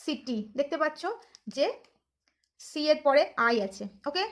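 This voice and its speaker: A woman with a high-pitched, fairly bright voice hosts a children's phonics lesson as channel host and teacher, speaking a little slowly. Her sing-song teacher tone keeps checking whether her young learners follow, and she mixes English words into her Bengali.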